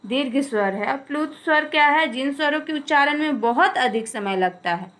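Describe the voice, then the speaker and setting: High-voiced woman teaching a grammar class. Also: expressive, a bit bright. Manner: explains slowly, drawing out example sounds; asks and answers her own questions. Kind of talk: recorded grammar lesson.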